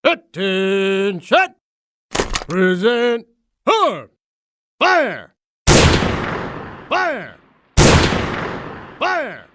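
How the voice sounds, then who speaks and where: An actor playing a military drill commander in a video game cutscene, shouting drawn-out orders. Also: male voice, sits high, very animated, very noisy, exaggerated voice. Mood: commanding. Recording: loud gunfire over the voice.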